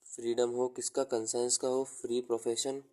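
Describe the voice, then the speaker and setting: Man teaching slowly, flat mellow voice. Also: mid-range voice. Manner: explains slowly, repeats key terms while writing them down; mixes Hindi with English terms. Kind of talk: exam-prep lecture.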